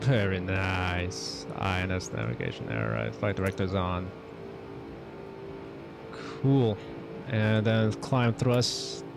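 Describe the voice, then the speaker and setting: A man's voice: sits low, takes it slowly, vocal fry, over music. A man giving casual step-by-step cockpit commentary and radio calls as a flight simulator pilot. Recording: loud vehicle-like engine noise.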